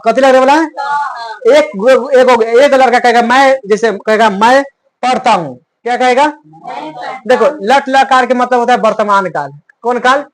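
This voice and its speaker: In an extremely high-pitched voice, a man tutoring Sanskrit gives a grammar lesson using plain, rustic language. He drills by asking a question again and again and supplying the answer himself.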